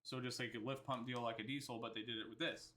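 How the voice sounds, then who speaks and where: A man with a bright, forceful voice tells a story in a loose, rambling way. He talks casually and keeps quoting what he and others said along the way. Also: mid-range voice, fairly even intonation, quick pace. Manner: rambling, chatty, quotes himself and others. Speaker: vlogger.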